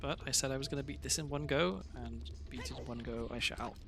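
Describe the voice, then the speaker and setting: A man's voice: medium pitch, fairly quick, gravelly, noisy background. A man streaming a video game late at night, talking to himself in a dry, self-deprecating mumble while sleepy. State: sleepy, yawning. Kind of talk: casual gameplay commentary.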